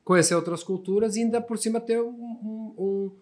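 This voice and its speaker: Speaking at a moderate pace in a high, darkish voice, this podcast guest, a man in his thirties from Portugal, tells stories in a relaxed, chatty conversation. His European Portuguese accent comes through as he frequently restarts sentences and adds tag questions.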